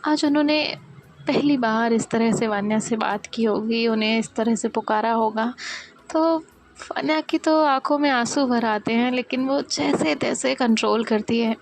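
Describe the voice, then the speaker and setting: A woman telling an emotional love story in a slow, gentle storytelling cadence. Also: on the high side, creaky, noisy background.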